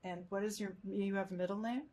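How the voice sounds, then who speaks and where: Woman interviewer, measured and formal, oral-history questions. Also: medium pitch, fairly even intonation, warm tone.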